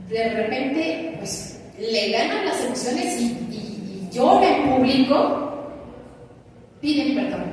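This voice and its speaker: A woman preaching a measured, emphatic sermon and putting questions to her congregation. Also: a little high, darkish tone, a little hiss or hum. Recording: echoey hall recorded from a distance.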